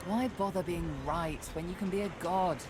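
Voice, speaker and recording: A woman's voice: lowish voice, steady tone, normal speed, noisy background, natural voice. Actress as scornful, threatening game schemer woman. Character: scornful, defeated schemer scolding and warning. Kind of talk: video game voice acting.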